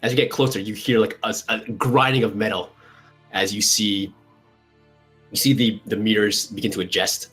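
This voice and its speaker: A man improvising narration as a tabletop game master, describing scenes in a halting way as he searches for words. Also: on the low side, steady tone, a bit bright, breathy edge, faint music behind.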